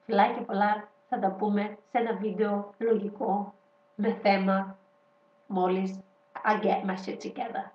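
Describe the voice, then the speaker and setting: A woman's voice: medium pitch, flat delivery, far from the mic. A woman ranting sarcastically and with exasperation in a webcam vlog. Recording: roomy muffled webcam audio.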